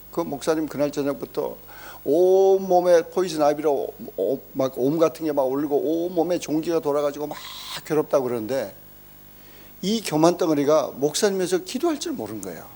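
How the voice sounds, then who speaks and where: A man preaching a sermon, telling a story with animated exclamations and acting out quoted speech. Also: on the high side. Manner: emphatic exclamations. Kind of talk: sermon testimony.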